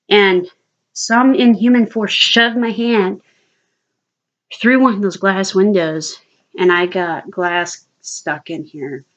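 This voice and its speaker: Woman vlogger rambling thru a story, swears constantly, kinda muffled recording. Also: medium pitch. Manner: swears freely, rambling and restarting. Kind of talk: casual storytelling.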